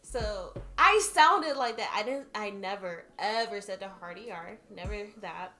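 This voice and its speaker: A woman's voice: medium pitch, animated, measured pace, sharp tone, faint music behind. A woman co-hosting a casual discussion show, laughing often and using many fillers. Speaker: podcast co-host. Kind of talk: casual chat.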